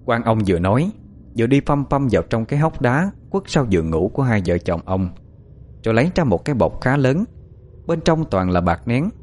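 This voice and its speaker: A man narrating an audiobook story in an expressive, dramatic way. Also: medium pitch, a little fast, slight background noise.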